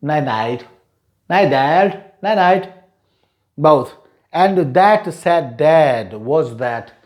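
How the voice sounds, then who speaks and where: A man teaching English pronunciation, slowly repeating short drill lines and explaining how sounds join. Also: fairly high pitch, animated, a little mellow. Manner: slow, repetitive drilling with frequent restarts; explains sound rules plainly, with fillers.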